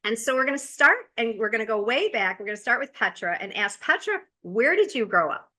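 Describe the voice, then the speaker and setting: Woman from the States, podcast host, bright and forceful tone, chatty and loose. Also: fairly high pitch, very animated, a little fast. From United States. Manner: chatty, with frequent fillers and restarts. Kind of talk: casual interview introduction.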